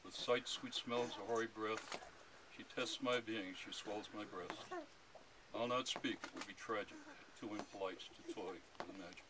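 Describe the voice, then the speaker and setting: A man reciting a rhyming poem at a wedding in a measured, solemn way. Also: on the low side, fairly even intonation, noisy background.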